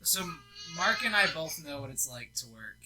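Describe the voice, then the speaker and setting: A young man who co-owns a gaming lounge chats casually about business plans, easygoing and full of ums and laughs. His voice is a little high with big pitch swings and a normal pace. Music plays in the background, and the audio quality is poor.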